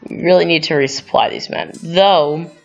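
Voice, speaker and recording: His slightly high, creaky voice moves at a normal speed as he talks through strategy game moves for his gaming channel. He drifts into rambling asides and keeps correcting himself. The audio is lo-fi and dull, and faint music can be heard.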